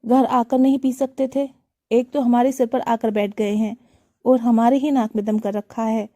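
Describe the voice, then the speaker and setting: A woman voicing a harsh young daughter-in-law who shouts contemptuously at her in-laws. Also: a little high, steady tone, normal speed, no echo, studio quality, natural voice. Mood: scolding.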